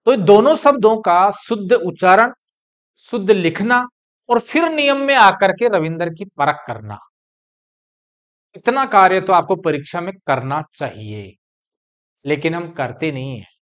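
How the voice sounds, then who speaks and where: Hindi teacher explaining grammar rules. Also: male voice, sits high, very animated, measured pace, a bit bright, highs cut off. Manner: explains step by step, asks and answers his own questions. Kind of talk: classroom lecture.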